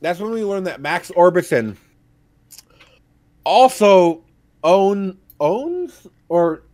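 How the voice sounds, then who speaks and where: Excitable man with a lively, bouncing voice. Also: sits high, slow pace. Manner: excitable, swears a lot, loud outbursts. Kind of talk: casual movie recap chat.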